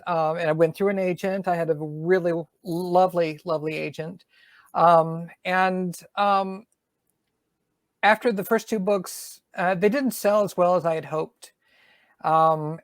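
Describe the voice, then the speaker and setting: A woman's voice: fairly low pitch, no echo. A middle-aged woman from Georgia with a faint Southern accent, an author chatting in an interview, thoughtful, with many fillers and restarts. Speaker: author guest. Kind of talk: casual interview chat.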